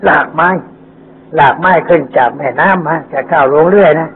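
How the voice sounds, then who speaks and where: A man's voice: on the high side, normal speed. An older man, a Buddhist monk, giving a folksy sermon and telling stories in plain speech. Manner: folksy storytelling, acting out quoted characters. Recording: tinny phone-like old recording with faint hiss.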